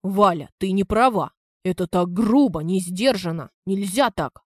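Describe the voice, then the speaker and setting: A woman's voice: mid-range voice, measured pace, dry recording, studio quality, natural voice. A woman reading an audiobook, voicing an unfaithful older husband who blusters. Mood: defensive. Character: unfaithful older husband, defensive then yelling.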